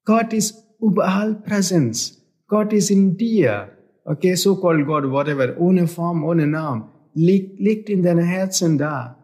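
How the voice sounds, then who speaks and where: A man's voice: high voice, measured pace, darkish tone. A man speaking German as a non-native, giving an earnest spiritual talk full of rhetorical questions and repetition. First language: not German. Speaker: spiritual teacher.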